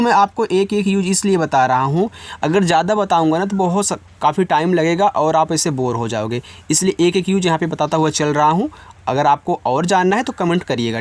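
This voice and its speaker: Male beginner-class teacher, higher pitched, patient and repetitive, spells words aloud. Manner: addresses viewers as students; reads English examples slowly and carefully. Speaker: English teacher. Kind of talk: spelling-and-meaning lesson for beginners.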